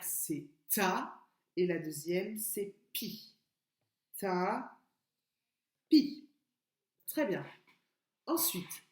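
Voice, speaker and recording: A woman kindergarten teacher giving a remote literacy lesson to young children, slowly and patiently sounding out letters and syllables. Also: mid-range voice. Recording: echoey room.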